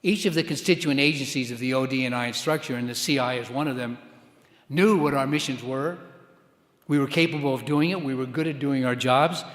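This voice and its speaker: An older American man giving a formal keynote speech, with deliberate, emphatic delivery and the repeated cadences of a rally speech. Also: medium pitch. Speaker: keynote speaker, former intelligence official. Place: large indoor conference hall, amplified. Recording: echoey hall with long reverb.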